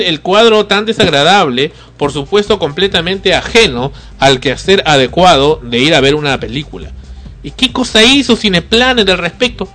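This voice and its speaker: Indignant man, fairly high voice. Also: sharp tone. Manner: indignant, rhetorical questions, rising into outrage. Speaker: podcast host. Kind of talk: indignant storytelling on a talk show.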